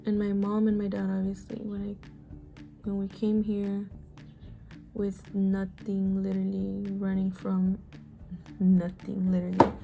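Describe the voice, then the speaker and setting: Gravelly and dark in tone, her mid-range voice carries a frank, casual makeup chat. She is a woman in her twenties, born in Mexico and brought up in the US, a beauty vlogger who swears freely and sighs a lot in this get-ready-with-me talk.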